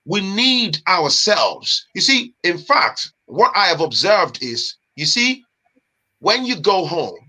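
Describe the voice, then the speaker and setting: A Nigerian man appears as a guest in a casual chat. He talks slowly in a high voice, using street slang and an animated, emphatic delivery.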